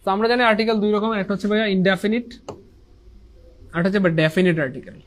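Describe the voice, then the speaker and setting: This is a man with a notably high voice giving an online English grammar lesson. He keeps his students involved with repeated questions that he answers himself in a call-and-response pattern, and he drops English grammar terms into his talk. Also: fairly even intonation, quick pace. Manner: often says "inshallah" and "dear brothers and sisters". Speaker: English teacher.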